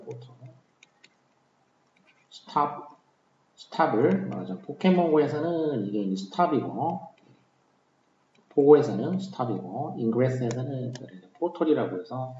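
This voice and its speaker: Lively roomy-sounding male teacher. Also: mid-range voice, dull audio. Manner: conversational, many fillers, repeats key words. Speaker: English vocabulary teacher. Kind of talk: casual lecture.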